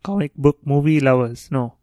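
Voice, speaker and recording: A man's voice: mid-range voice, animated, moderate pace, mellow, no echo. A man co-hosting a podcast, chatting casually with wry, sarcastic banter. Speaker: podcast co-host. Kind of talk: casual chat.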